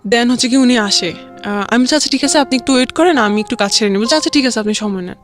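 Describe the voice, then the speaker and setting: A young woman with a Bangladeshi accent, appearing as a guest, tells a personal life story in a casual, conversational way, often acting out quoted dialogue. She speaks fast in a fairly high voice, with faint music in the background.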